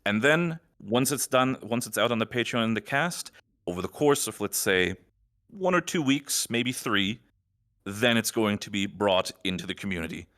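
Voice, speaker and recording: A man's voice: lowish voice, lively intonation, moderate pace, fairly bright tone. A man on the project's admin team giving a podcast status update, rambling and reassuring as he explains plans.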